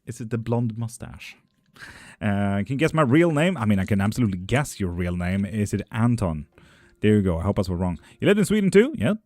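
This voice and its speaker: A young man streams tarot readings and witchcraft chat, reading out viewer messages and responding in a joking, loose way full of swearing. His expressive, slightly mellow voice is fairly low and fairly quick. The recording is dry, with clean studio sound.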